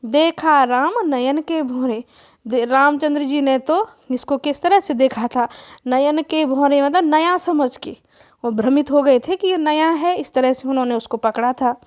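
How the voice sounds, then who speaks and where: Slow high-voiced woman teacher chanting verse. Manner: slow, rhythmic chanting of verse, then explaining line by line. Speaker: Hindi teacher. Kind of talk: chanted verse recitation and explanation for students.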